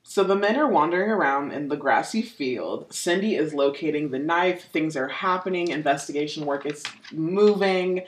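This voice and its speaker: A woman hosting a casual podcast, retelling a story in a lively way with lots of laughter. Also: sits low, normal speed, few pauses. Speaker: podcast host. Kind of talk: casual reaction chat. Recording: echoey room.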